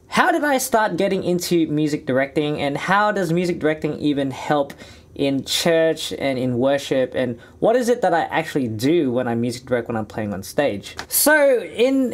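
A young man with an Australian accent from Sydney, talking in a chatty, upbeat vlog to camera from a small studio. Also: medium pitch. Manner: chatty, upbeat, gestures a lot with hands. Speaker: musician and vlogger. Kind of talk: casual direct-to-camera vlog. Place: small indoor music studio.

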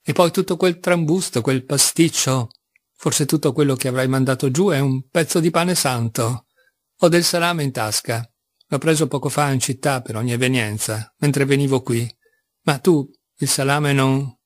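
A man's voice: medium pitch, normal speed, dry recording, close to an everyday voice. A man reading an audiobook, voicing a mocking, ironic young male seminarian who teases with astonished sarcasm. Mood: teasing. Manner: teasing, sarcastic, by turns astonished. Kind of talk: audiobook reading of a classic novel.

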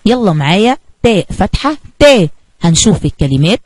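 A woman's voice: mid-range voice, big pitch swings, fairly quick, a little mellow, no echo, rough recording. A woman with an Egyptian Arabic accent teaching a kindergarten spelling lesson, asking the children questions and answering them herself.

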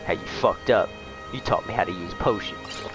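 A young man giving profane let's play commentary, muttering low and then shrieking in panic. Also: moderate pace, music in the background. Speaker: gamer.

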